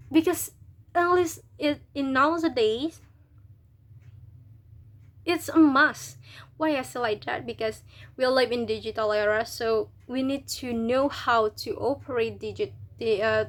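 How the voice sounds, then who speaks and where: A young Indonesian woman, a university student whose first language is a local Indonesian language, chats casually to camera. Her voice is fairly high and a bit bright, and she's hesitant, restarting often and searching for words.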